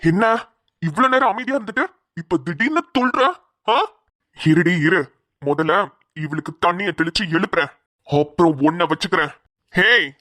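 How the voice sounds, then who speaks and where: A woman's voice: fairly low pitch, lively intonation, moderate pace, pauses often, a bit bright, no room sound, clean studio sound. A woman voicing a cruel bald male kidnapper in a cartoon, menacing and taunting. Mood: threatening. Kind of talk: cartoon voice acting.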